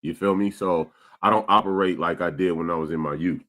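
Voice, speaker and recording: Reading live chat comments aloud and telling street stories, a streetwise podcast co-host in his forties from Stockton, California, keeps things casual and repeats himself. His voice sits low with a fairly bright tone and fairly even intonation, and he talks briskly.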